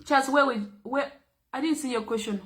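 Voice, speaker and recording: Her voice sits high and bright, and her delivery runs a little fast. She is a young Ugandan woman with a Ugandan accent hosting a casual livestream chat, teasing her viewers playfully and often breaking into laughter.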